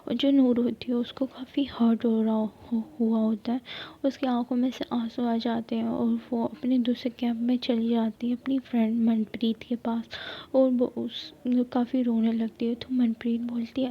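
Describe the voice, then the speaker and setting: A woman narrates a love story in whispered role-play. Her breathy voice sits slightly high and barely moves in pitch. The recording is dull and lo-fi.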